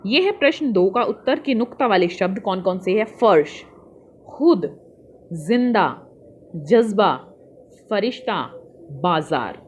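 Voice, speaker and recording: Calling each pupil "beta," a teacher with a mid-range voice takes small children through their worksheet with patience, slowly spelling out every answer.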